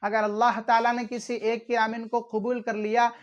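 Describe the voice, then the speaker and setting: A man giving a religious instruction talk to online viewers, speaking in an earnest, fatherly way with drawn-out fillers. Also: very high voice, little pitch movement. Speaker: religious video host. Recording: slightly dull lo-fi audio.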